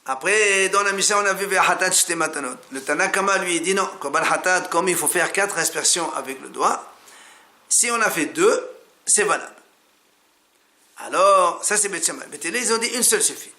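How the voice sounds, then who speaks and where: Guy teaching talmud, talks right to you, goes over each step again, bright voice. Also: sits high, moderate pace. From France. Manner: explains step by step, repeats key words, addresses the listener as tu. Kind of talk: Talmud class explanation.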